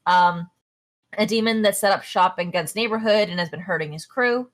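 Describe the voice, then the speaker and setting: Retelling a TV episode in a chatty, casual recap, this podcast co-host laughs frequently. She has a mid-range voice and speaks at a normal pace.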